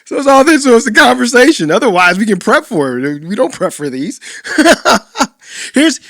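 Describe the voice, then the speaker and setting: A man co-hosting a dating-coach podcast in casual chat, playful and animated, often acting out quoted lines. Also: very high-pitched, moderate pace, dry recording, clean studio sound.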